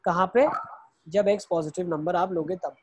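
A man delivers an online math lesson in a husky voice. He moves through each step slowly and keeps checking in with rhetorical questions. English phrases slip into his teaching. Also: high voice, steady tone, a little mellow. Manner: explains step by step, asking and answering rhetorical questions.

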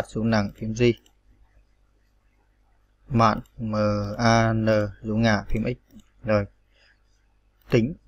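A man teaching typing step by step, patiently spelling out each key with frequent fillers. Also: mid-range voice. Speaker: computer tutorial instructor. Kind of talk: step-by-step screen tutorial.

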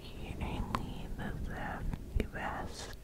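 A young woman delivers a whispered pep talk in ASMR style. Her voice is all breath, with no voiced tone, and extremely slow. She sounds reassuring and soothing, repeating small words, recorded very close on a desk microphone. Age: young adult. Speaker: ASMR host. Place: small indoor room. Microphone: close desk condenser mic with fluffy cover.

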